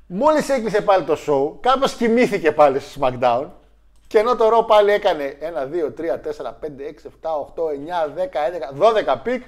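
A young man with a somewhat high voice co-hosts a casual chat. He talks in an animated, joking way and often slips into mimicking others. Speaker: co-host.

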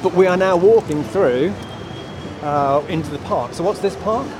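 A male interviewer with a fairly high-pitched voice asks conversational questions on the move. He is recorded outdoors, with clear traffic noise around him. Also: moderate pace. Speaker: podcast interviewer. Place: outdoors in a city, walking.

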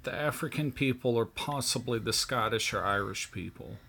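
A man's voice: medium pitch, normal speed, gravelly, bright, forceful tone, a little hiss or hum. A man co-hosting a podcast in casual banter, with a joking, playfully obtuse manner. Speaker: podcast co-host.

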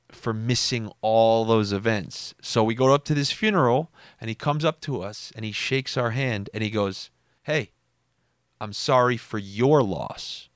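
A man hosting a solo podcast, telling wry stories with sarcastic asides and sudden rises in pitch. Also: clear, resonant tone, dry recording, clean studio sound. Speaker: podcast host. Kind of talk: casual solo podcast monologue.

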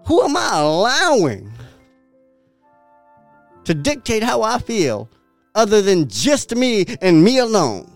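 A podcast host with a high voice gives a profane, emphatic motivational talk at a slow pace with long pauses, repeating his points like a preacher. He is animated and often breaks into laughter, and the recording has no room sound, only faint background music.

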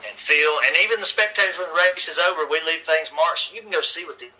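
Interviewed as a racing league organizer, a man chats casually in an earnest, folksy way, rallying his listeners. His voice is fairly high, fast, bright and forceful, though the audio is poor.

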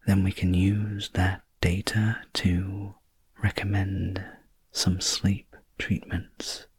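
A man in a whispered role-play as a sleep story narrator, voicing a calm, reassuring spacecraft sleep technician in a breathy, gentle whisper. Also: low-pitched, slow, full character voice. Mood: soothing, attentive.

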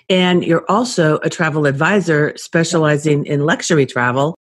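A woman co-hosting a podcast, asking questions in a conversational interview style. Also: on the low side. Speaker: podcast co-host.

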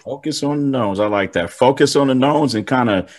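A man's voice: medium pitch, a little fast, a little mellow. A man hosting a casual interview podcast, often repeating words and restarting his sentences. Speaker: podcast host.

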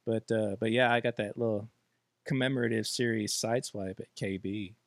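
A man co-hosting a podcast in casual, reminiscing chat, halting and repeating his words. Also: lowish voice, steady tone, dry recording. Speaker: podcast co-host.

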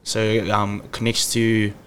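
A man's voice: lowish voice, completely flat delivery, takes it slowly, a bit bright, slight background noise. A man in his twenties from Samoa, a podcast guest chatting in a laid-back, easygoing way. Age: 20s. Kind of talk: casual chat.

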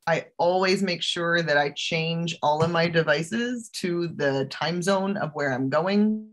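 Low-voiced woman, chatty guest. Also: unhurried. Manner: chatty, animated, with fillers and laughs. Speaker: guest, self-defense and travel safety instructor. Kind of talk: casual interview.

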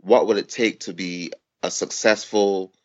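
A man from Barbados in his forties, a podcast guest, explaining things in a measured way with step-by-step examples. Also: deep voice, fairly even intonation. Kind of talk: conversational interview. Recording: dull lo-fi audio.

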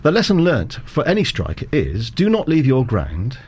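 A man working as a cricket umpire, explaining rules in a measured, formal way as an interview guest. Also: mid-range voice, huge pitch swings, a little mellow, slightly rough. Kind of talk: conversational interview.

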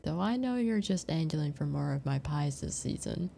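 A woman's voice: sits low, animated, moderate pace, gravelly, a little hiss or hum, full character voice. Woman voicing a polite young wife. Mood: pleased. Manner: courteous, bright on the surface.

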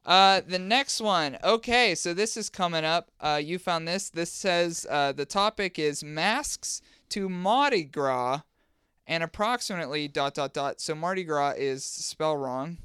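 A man's voice: on the high side, unhurried, bright, forceful tone, clear, resonant tone, no room sound, clean studio sound. A man co-hosting a comedy podcast, joking and swearing casually as he riffs on classified ads. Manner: profane, joking.

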